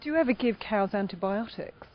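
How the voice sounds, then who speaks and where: A woman's voice: medium pitch, lively intonation, a little fast. Woman interviewer, slightly dull location sound. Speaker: interviewer, presenter. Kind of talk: presenting and asking interview questions. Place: on a farm.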